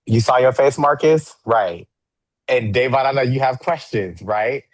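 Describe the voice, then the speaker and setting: A man's voice: medium pitch, measured pace, dry recording. A man in casual podcast chat who steers the talk and slips into quoted voices to act out what he means. His voice sits in a middle range for a man. It is recorded very dry, close to the mic with no room sound. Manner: animated, acts out scenarios in quoted voices; leads and wraps up the discussion. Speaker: podcast co-host.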